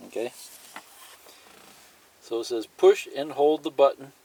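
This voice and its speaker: In poor-quality audio, a man with a warm, animated, medium-pitched voice speaks without hurrying. As a hobbyist instructor, he gives a plain-spoken, hands-on demonstration one step at a time, repeating himself, indicating things as he goes, and reading parts of a manual aloud.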